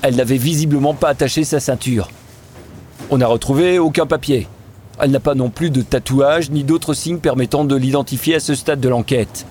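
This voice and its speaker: A man voicing a male gendarme giving a flat, factual report. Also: medium pitch, a little hiss or hum, pitched above the performer's own voice, close to an everyday voice. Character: male gendarme, dry and businesslike.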